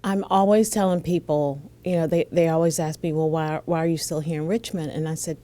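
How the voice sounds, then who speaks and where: A woman stage actor speaking in an interview, warm and enthusiastic. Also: deep voice, fairly even intonation, a little fast. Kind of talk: documentary interview.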